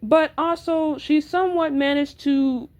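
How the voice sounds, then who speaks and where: A woman's voice: high voice, steady tone, a little slow, a little mellow. A woman casually explaining the backstory of characters she made, stuttering and restarting often with lots of filler words. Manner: rambling, filler-heavy delivery. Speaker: creator explaining her character lore. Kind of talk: casual chat.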